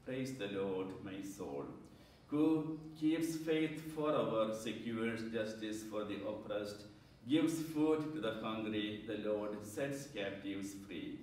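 Male priest, measured solemn liturgy, booming cathedral echo, faint room hum. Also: darkish tone. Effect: heavy cathedral-like church echo. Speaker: priest leading Mass. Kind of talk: reciting the liturgy and readings. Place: large church. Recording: very echoey church, mic far off.

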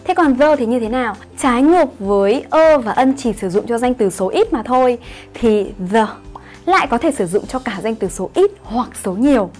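Her fairly high, slightly mellow voice has lively intonation and moves at normal speed over faint background music. She's a woman teaching English grammar online, explaining patiently and checking comprehension with "right?".

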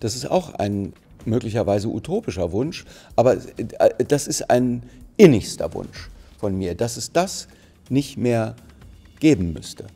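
A man's voice: on the low side, lively intonation, a little slow, gravelly, warm tone, breathy edge, soft background music. A middle-aged man from Berlin with a light Berlin accent, an actor answering interview questions to the camera, thoughtful and searching for words with many fillers and restarts. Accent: Berlin German. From Germany. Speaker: actor interviewed for a museum anniversary. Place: plain bright indoor studio. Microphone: seated, framed mid-shot to camera.

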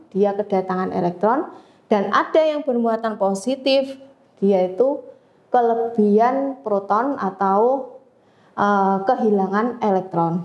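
A woman teaching a physics lesson, explaining step by step with frequent pauses and fillers. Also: medium pitch, darkish tone, dull audio. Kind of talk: classroom lecture.

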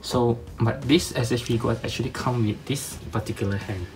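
A man casually reviewing toys in halting, hesitant speech, slightly slurred by a mouth numb from dental work. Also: medium pitch, creaky, a little mellow, faint music behind. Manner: halting, hesitant, many long filled pauses. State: half of face numb after tooth operation. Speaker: toy reviewer. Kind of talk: casual unscripted review narration.

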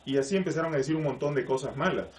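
A man's voice: medium pitch, very fast, a little hiss or hum. A man, a life coach, giving a live-streamed talk to online viewers, explaining with rhetorical questions and greeting viewers by name. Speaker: life coach and spiritual teacher. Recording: echoey room, voice from a distance.

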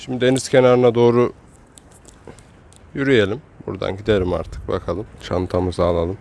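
A man's voice: on the low side, fairly even intonation, normal speed, creaky, darkish tone, poor audio. A man making a casual walking travel vlog outdoors in a windy seaside city, chatty and slangy, exclaiming at the sights. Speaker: travel vlogger.

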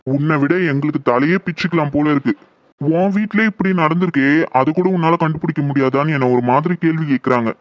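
A man's voice: a little high, fast, no room sound, lightly acted. A man voicing a worried assistant police commissioner in a horror audio drama, talking earnestly and troubled. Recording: dull lo-fi, dry.

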